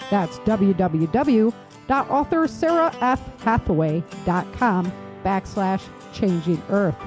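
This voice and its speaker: In a casual podcast chat, the host, a woman who also authors audio dramas, speaks informally and conversationally. Her voice leans high with a darkish tone.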